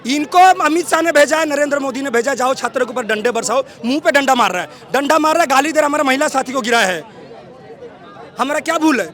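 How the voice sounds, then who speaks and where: Heated male student leader, high-pitched and fast. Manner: heated and defiant, shouting over a crowd. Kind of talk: agitated street protest interview. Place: outdoor street protest. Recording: crowd noise at an outdoor protest. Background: crowd noise.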